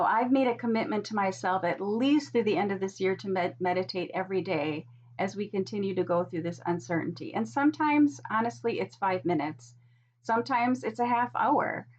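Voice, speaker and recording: A slightly muffled, lo-fi recording of a woman with a mid-pitched voice. She speaks as an oracle card reader giving a casual reading. Her manner is reflective and spiritual, offering guidance in phrases that sometimes draw out. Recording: dull, lo-fi audio.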